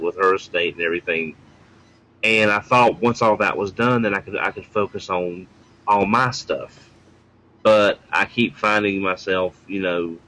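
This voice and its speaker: A man in his forties speaks in a casual group chat, thinking aloud with hesitant pauses. His voice is very low yet bright and clear. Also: poor audio. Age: 40s. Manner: reflective and hesitant. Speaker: guest.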